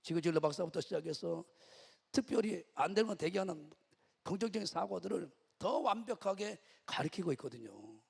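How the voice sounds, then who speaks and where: A middle-aged man preaches a sermon in a high, swooping voice with a gravelly, husky edge. He tells his story with rhetorical questions to the congregation. His voice rings through a large church hall with long reverb. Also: animated, normal speed. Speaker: pastor. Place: church sanctuary.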